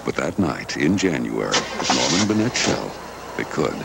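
A male narrator tells a dramatic scripted story for an ad. His voice is extremely deep and gravelly, with loud noise behind it. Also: big pitch swings, moderate pace. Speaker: commercial narrator.

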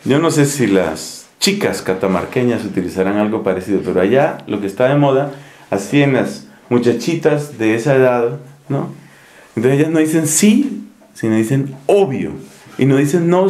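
Un hombre de Colombia, con acento colombiano, que predica en un retiro espiritual con tono conversador y humorístico, dramatizando escenas. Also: male voice, medium pitch, a little mellow. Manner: conversational, humorous, acts out scenes. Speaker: preacher leading a retreat. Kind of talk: retreat sermon. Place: monastery, indoors. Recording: echoey room.

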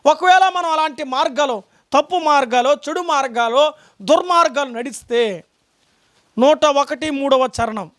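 Male pastor, very high pitch, emphatic sermon full of repeated questions. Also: a little slow, fairly bright tone. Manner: calls out lines for a reader to read aloud.

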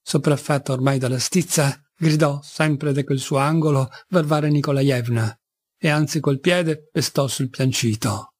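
In a measured, expressive style, a man with a medium-pitched voice narrates a classic novel aloud. He is an audiobook reader delivering literary narration.

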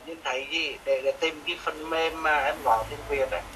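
A man, a music teacher, walking a student through notation software step by step, repeating each instruction patiently. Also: fairly high pitch, fairly even intonation, normal speed, crowd noise, poor audio. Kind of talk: remote software lesson.

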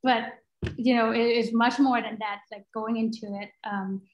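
A young product designer from Thailand joins a video call as a guest, using her laptop mic to answer questions casually. She speaks at normal speed in a fairly high voice with fairly even intonation, thinking aloud with fillers and restarts, over lo-fi sound.

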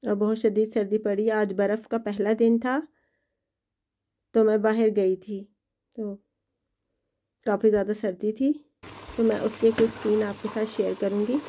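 A woman's voice: mid-range voice, level tone, measured pace, long pauses, dark tone, rough recording. A woman hosting a home cooking video, chatting in an encouraging way as she cooks in her kitchen. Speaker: home cooking channel host. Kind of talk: casual cooking demonstration.

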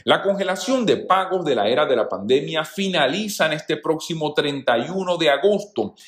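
Animated man giving news commentary. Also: fairly high pitch, moderate pace. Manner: animated, addresses viewers as friends. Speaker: news channel host. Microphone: voice-over. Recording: roomy echo.

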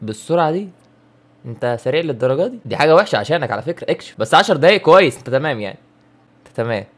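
Egyptian male commentator, fast, animated, teasing comic asides. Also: fairly high pitch. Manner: teasing, excitable, playful interjections. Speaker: comedy commentator. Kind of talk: joking commentary over a skit.

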